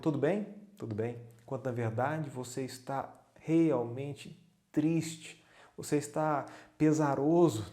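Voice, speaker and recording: A man's voice: medium pitch, a little mellow. A man preaching a sermon as pastor, speaking the psalmist's prayers in the first person and stacking repeated phrases for emphasis. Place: church.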